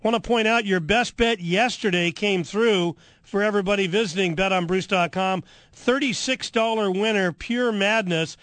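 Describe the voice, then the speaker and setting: A man's voice: sits high, normal speed, a bit bright, no room sound. A man hosting a sports radio show from a studio at a ballpark, rambling with frequent fillers as he loses his voice. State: losing his voice. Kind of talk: casual radio talk.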